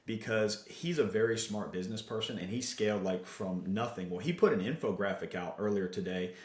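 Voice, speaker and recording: A man talking as a podcast guest, telling stories and giving motivational advice with energy. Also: fairly low pitch. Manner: energetic storyteller, motivational, fast asides. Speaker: podcast guest, digital marketing agency owner. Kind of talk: casual interview chat. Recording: roomy echo.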